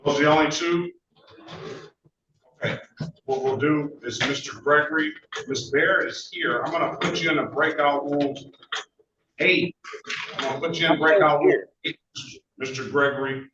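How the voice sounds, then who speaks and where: A man speaking as a judge in a procedural courtroom recording of a remote hearing, informal but deliberate with numbers. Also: a little high, steady tone. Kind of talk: procedural courtroom talk on a video call. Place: remote court session on a video meeting. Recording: echoey, muffled, noisy distant-mic courtroom recording.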